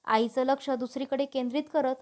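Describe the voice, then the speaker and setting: A woman narrating a family story in a steady, even reading voice. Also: high-pitched, brisk.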